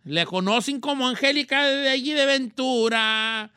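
A man's voice: very high voice, a little slow, pushed and bright, smooth, dry recording, studio quality. A man hosting a radio call-in show, joking and telling stories in slang. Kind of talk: casual on-air banter with a caller.

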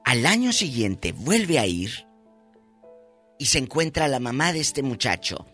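A man's voice: medium pitch, very animated, measured pace, a bit bright, soft background music. A man co-hosting a call-in radio show who retells stories in an emotive, exclamatory way. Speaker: radio co-host.

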